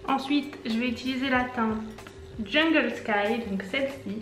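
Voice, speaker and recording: A woman in her twenties, a beauty vlogger talking through a makeup tutorial in a chatty way, with rambling asides and quick self-corrections. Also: a little high. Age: 20s. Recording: echoey room, faint background music.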